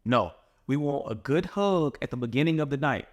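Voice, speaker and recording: A man's voice: mid-range voice, animated, normal speed. A man coaching other men on dating in a blunt, slangy monologue, calling the listener "bro". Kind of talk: direct-to-camera advice monologue.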